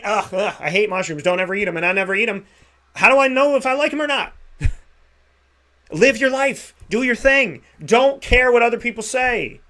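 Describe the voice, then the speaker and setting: A man's voice: very high-pitched, pushed and bright. A man in his thirties hosting a talk show, giving an emphatic pep talk with repeated phrases. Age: 30s. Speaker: radio show host. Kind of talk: motivational monologue.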